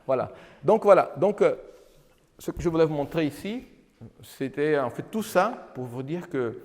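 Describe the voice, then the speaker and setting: In a lecture hall with long reverb, a man with a mid-range, slightly mellow voice explains rhythm by counting beats, restarting often. As a cantoria singer, he sometimes sings verses over guitar to illustrate.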